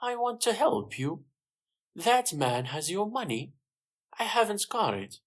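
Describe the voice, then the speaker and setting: A narrator voicing an eager woman who tries to help, in a slightly raised, lively tone. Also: mid-range voice, a little slow, voice pushed up. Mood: anxious. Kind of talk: graded-reader story voice.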